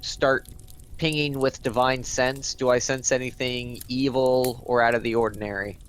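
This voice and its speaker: A man's voice: medium pitch, level tone, moderate pace, slight background noise. A man playing a tabletop role-playing game, making earnest declarations in character. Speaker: player.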